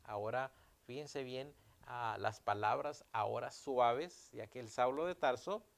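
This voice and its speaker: Gravelly-voiced man preaching a sermon. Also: medium pitch, unhurried. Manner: preaching with emphatic rises, retelling scripture dialogue. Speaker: pastor.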